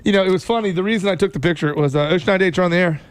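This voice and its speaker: A man's voice: sits high, rapid-fire, smooth, no room sound. A man in his fifties hosting a casual radio interview, rambling and joking, slipping in sponsor plugs. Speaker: radio host.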